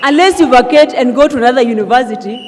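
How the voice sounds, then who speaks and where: Her high voice moving fast over background noise, a young woman from South Sudan accepts her election as student association leader at a swearing-in ceremony. She speaks earnestly and emphatically, building to calls of thanks, while the big hall rings with long reverb.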